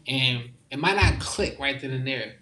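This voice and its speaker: A young man talking casually and openly, full of informal slang and halting restarts. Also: mid-range voice, lively intonation, pushed and bright. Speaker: guest. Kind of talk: casual heartfelt conversation.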